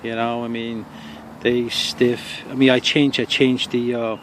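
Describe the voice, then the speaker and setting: A man's voice: medium pitch, level tone. A man reviewing his remote-control truck outdoors on a city street, ranting angrily with lots of swearing and stumbling restarts. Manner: angry, profane ranting with halting restarts. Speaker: RC car hobbyist reviewer. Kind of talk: casual outdoor review vlog. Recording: noisy outdoor street recording.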